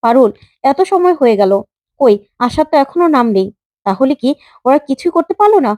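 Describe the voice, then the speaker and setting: An eager young man who frets and grows impatient, as a woman narrator reads him out. Her own high voice carries him, close and dry. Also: sing-song, brisk, dark tone, no room sound.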